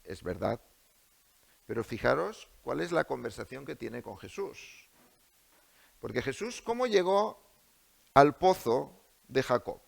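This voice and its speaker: A man's voice: mid-range voice, sing-song, slow pace, creaky, long pauses, husky. A male preacher with a Spanish accent delivering a sermon in a church, asking the congregation many rhetorical questions. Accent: Spain.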